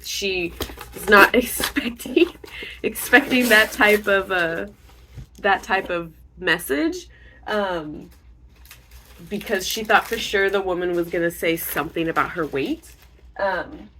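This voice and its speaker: A young woman with a slightly low voice talks through a book she is reading, full of "like" and "um". She rambles in a loose, casual way and slips into quick acted quotes of the characters. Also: bright, forceful tone. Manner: rambling, lots of likes and ums. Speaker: vlogger.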